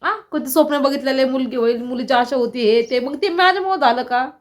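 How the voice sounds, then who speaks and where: A woman with a high-pitched voice pours out her grievances in an emotional personal vlog. She sounds distressed and keeps throwing out rhetorical questions about why she is being blamed. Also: a little fast. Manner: aggrieved, full of repeated rhetorical questions. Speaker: vlogger.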